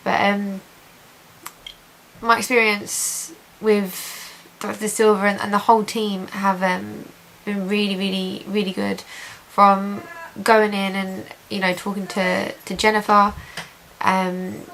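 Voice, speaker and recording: This hissy, rough home recording features a woman chatting casually to camera for a video diary update. She speaks slowly in a fairly bright, mid-range voice with little pitch movement, conversational and positive, reassured, and fond of repeating intensifiers.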